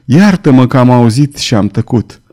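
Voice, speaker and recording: Male reader as a trembling young noblewoman, fearful and pleading, mellow tone. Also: medium pitch, lively intonation, close to an everyday voice. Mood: anxious. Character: timid young woman in love, fearful.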